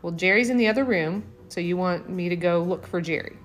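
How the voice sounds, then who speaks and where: A woman's voice: fairly low pitch, a little fast, faint music behind. A woman talking to her pets in an amused, teasing way, drawing her words out. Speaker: dog owner. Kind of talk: casual talk to a pet.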